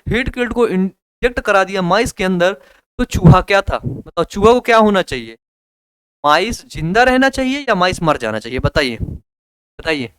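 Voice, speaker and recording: A man's voice: sits high, lively intonation, moderate pace, a bit bright, smooth, no echo. A young man with a Hindi accent teaching biology in a casual, joking way, asking students questions and repeating answers. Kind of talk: casual classroom lecture.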